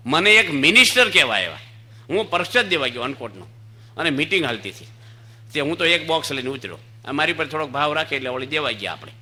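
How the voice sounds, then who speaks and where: A man's voice: on the high side, sing-song, fast, sharp tone. A man giving a sermon to an audience that includes children, telling stories and putting questions to the listeners. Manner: storytelling with voiced characters, asks the audience questions. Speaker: swami giving a religious discourse. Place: assembly hall with children in the audience.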